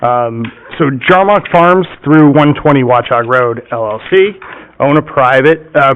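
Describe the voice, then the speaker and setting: A man representing an applicant, giving a formal, methodical presentation at a public hearing and pausing often to check in with "okay?". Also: mid-range voice. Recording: muffled meeting-room recording.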